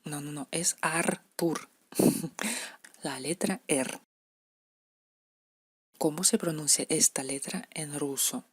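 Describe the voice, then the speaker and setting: Woman teacher, low and husky, patient repeater of example words. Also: slow, long pauses, no echo. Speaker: language teacher. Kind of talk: explaining letter pronunciation to beginners.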